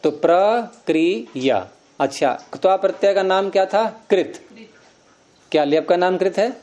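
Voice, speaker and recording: A man's voice: high voice, moderate pace, a little mellow. A man teaching Sanskrit grammar, explaining step by step and quizzing his students with questions. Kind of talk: classroom lecture.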